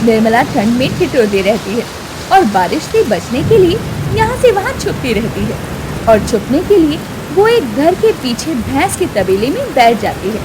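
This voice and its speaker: A woman narrating a scripted moral story in an even storytelling way. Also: high-pitched, moderate pace, noisy background.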